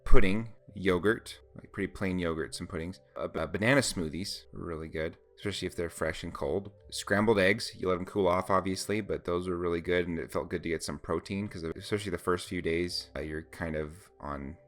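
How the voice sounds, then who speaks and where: A man's voice: deep voice, steady tone, a little fast, few pauses, fairly bright tone. A man giving a casual, first-person account with practical advice, in an informal, explanatory way. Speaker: vlogger recounting a personal experience.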